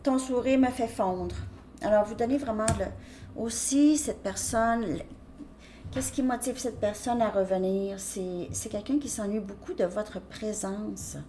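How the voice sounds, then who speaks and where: A woman gives a casual tarot reading in a mid-pitched voice. She talks hesitantly, often restarting her sentences and tagging them with a quick "ok?". Faint noise sits under her voice. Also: dark tone. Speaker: tarot reader.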